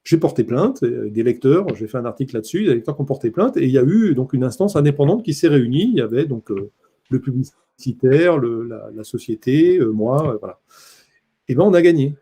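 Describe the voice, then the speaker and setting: Husky dark-voiced man speaking emphatically. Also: medium pitch, lively intonation, brisk. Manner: impassioned, emphatic. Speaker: journalist giving a conference talk. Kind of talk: conference talk.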